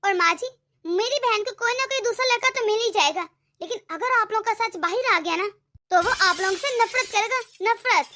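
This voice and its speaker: A cunning young daughter-in-law from a family cartoon, voiced by a woman, with a very high, bright voice. She taunts and threatens her in-laws in a sharp, scheming way. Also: normal speed. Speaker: voice actor.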